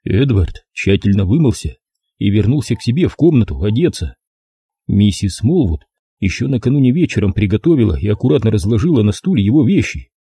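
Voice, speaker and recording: A man reading a novel aloud as an expressive audiobook narrator. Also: on the low side, slightly rough, no echo, studio quality. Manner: expressive storytelling. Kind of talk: scripted narration.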